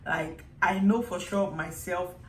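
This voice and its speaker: Speaking with a Nigerian accent, this young woman from Nigeria chats casually to her vlog audience at a measured pace, her voice lowish. She tells lively stories to camera, acting out little quotes, in an echoey room with faint noise behind her.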